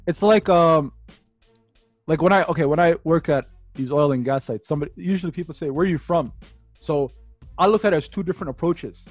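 A man from Canada in a casual group chat, telling stories quickly and often asking "you know what I mean". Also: fairly high pitch, no room sound, soft background music. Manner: fast, animated storytelling with frequent "you know what I mean".

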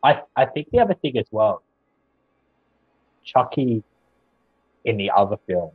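A man's voice: lowish voice, very animated, a little slow, slightly rough, dry recording. A man co-hosting a film podcast in casual chat, blunt in his opinions and filling his speech with "like". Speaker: podcast co-host. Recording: dull, dry sound with faint music.

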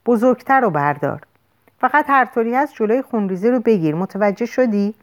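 A woman voicing a firm, steady female paramedic giving urgent orders, in an audiobook. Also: on the high side, pitched above the performer's own voice, lightly acted.

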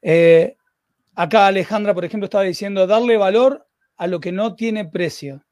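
A man's voice: sits high, normal speed, a little mellow, no echo, clean studio sound. A man with a Rioplatense Spanish accent hosting a live interview, chatting and reading out viewer comments. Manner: conversational, reads viewer comments. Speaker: host.

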